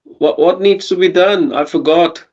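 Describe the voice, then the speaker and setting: Guy teaching arabic grammar online, slow and patient, keeps asking the class, kinda high voice, muffled audio. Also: fairly even intonation, darkish tone. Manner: patient, often asks students questions and checks with "okay?".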